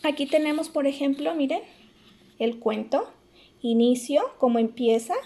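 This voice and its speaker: A woman's voice: high voice, moderate pace, mellow, slight background noise. A woman teaching a remote lesson to young schoolchildren, explaining each step patiently and calling them sweetheart. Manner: affectionate, addresses pupils as "corazones".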